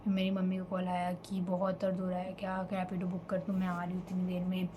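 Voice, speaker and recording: A woman's voice: lowish voice, completely flat delivery, fast, background noise. Young woman telling a storytime vlog. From Delhi. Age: young adult. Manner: emotional, mixes Hindi with English fillers. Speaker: vlogger.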